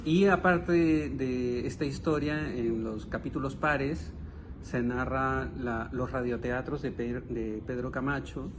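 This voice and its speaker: A man in his 50s, a guest writer commenting on a novel, talks about the book conversationally and reflectively, often searching for words. His medium-pitched voice is steady and slow, with noticeable ambient noise behind it.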